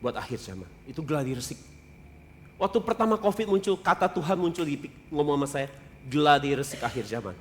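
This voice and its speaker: A man preaching with a lively, swooping delivery, his voice sitting a little high for a man. He bursts into loud exclamations, then drops to near-whispered asides. A long hall reverb trails every phrase. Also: fairly quick, a little hiss or hum. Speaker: pastor. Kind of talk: sermon. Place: church hall.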